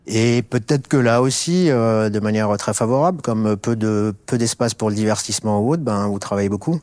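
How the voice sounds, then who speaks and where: Appearing as an interview guest, a middle-aged Alsatian business executive recounts his story conversationally, with many fillers and false starts. He speaks at normal speed in a fairly low voice with a darkish tone.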